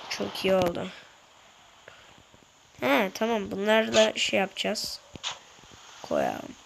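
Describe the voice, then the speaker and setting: A woman talks her viewers through a game in a chatty, casual way, slightly ill. Her voice sits at a middling pitch. A clear hiss of noise runs under the recording. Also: steady tone, takes it slowly. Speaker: gaming YouTuber. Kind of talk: casual gameplay commentary.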